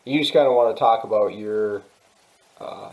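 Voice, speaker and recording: A man's voice: lowish voice, normal speed. Muffled man, like through a tube. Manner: short encouraging interjections. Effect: muffled, as if talking through a cardboard tube on a payphone. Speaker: podcast host. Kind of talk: casual interview chat. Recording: muffled lo-fi remote call audio.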